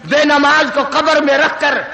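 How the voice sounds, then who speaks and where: A man with a Pakistani Urdu accent preaching a sermon, firing off rhetorical questions and slowly drawing out Quranic recitation. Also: very high-pitched, fairly even intonation, creaky, sharp tone, echoey room.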